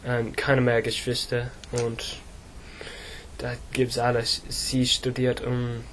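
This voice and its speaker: A teenage boy from England, an English speaker practising German, answering slowly with many fillers and pauses. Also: mid-range voice, completely flat delivery, fairly bright tone, slight background noise. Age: teens. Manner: halting, slow, many fillers. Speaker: student.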